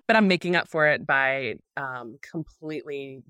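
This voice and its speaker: A woman in her forties co-hosting a podcast, chatting casually and telling animated stories with playful voices for the people in them. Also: very deep voice, normal speed, clear, resonant tone, no echo, clean studio sound. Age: 40s. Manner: animated storyteller, acts out voices in anecdotes. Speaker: podcast co-host. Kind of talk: casual chat.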